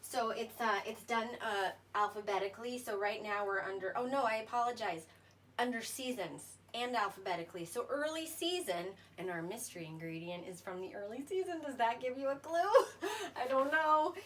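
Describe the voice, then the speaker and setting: In a casual cooking demo at home, a woman hosts with folksy chatter and playful self-deprecation. Her voice sits mid-range, expressive, brisk and a bit bright, on a noisy recording made in an indoor home kitchen.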